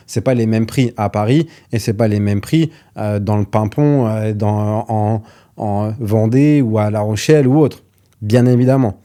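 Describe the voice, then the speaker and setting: A man's voice: mid-range voice, warm tone. A man coaching gym owners on running their business, talking bluntly and casually and swearing freely. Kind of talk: direct-to-camera advice video.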